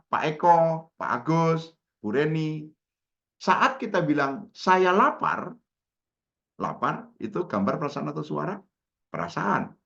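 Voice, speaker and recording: Indonesian-accented male coach, animated pitch swings, muffled lo-fi video-call sound. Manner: lively, calls on attendees by name, acts out little dialogues. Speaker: coach leading a webinar. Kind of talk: informal webinar teaching. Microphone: video call microphone. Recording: dull lo-fi webinar audio.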